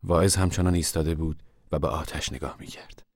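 A man narrating a literary radio drama in a measured, solemn way. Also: very deep voice, fairly even intonation, no echo, studio quality.

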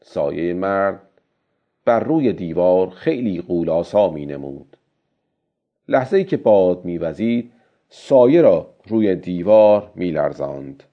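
A man with a gravelly voice narrating a novel in a measured, steady reading, on a dull lo-fi recording. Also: deep voice. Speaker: audiobook narrator. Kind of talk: scripted narration.

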